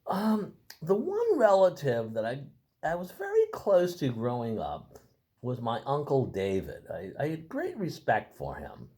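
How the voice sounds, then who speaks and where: Older man, lively pitch. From Boston, Massachusetts. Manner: rambling, halting, with many restarts. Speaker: interviewee. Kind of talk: casual family-history interview.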